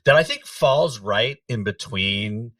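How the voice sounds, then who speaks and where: A middle-aged man hosting a podcast, chatting in a relaxed way, laughing often and letting sentences trail off. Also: medium pitch, slow, dry recording, recorded from a distance. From United States. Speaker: podcast host. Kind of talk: casual conversation.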